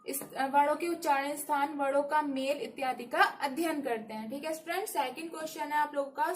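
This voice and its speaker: A woman teacher gives an online class lesson, working through each point step by step and checking in with her students. Her voice sits high. A faint ambient hiss runs underneath. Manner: explains step by step, often checks in with "okay, students".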